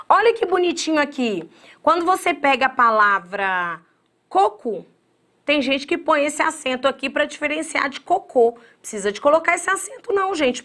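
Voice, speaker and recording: A woman teaching an online exam-prep grammar lesson in a lively, chatty way, talking straight to her students. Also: sits high. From Brazil.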